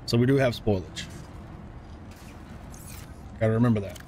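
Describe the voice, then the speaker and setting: A man's voice: lowish voice, moderate pace, mellow. A man in his thirties thinking aloud in casual, laid-back let's-play commentary, often muttering to himself. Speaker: gaming streamer. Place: small room at home. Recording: faint game noise behind.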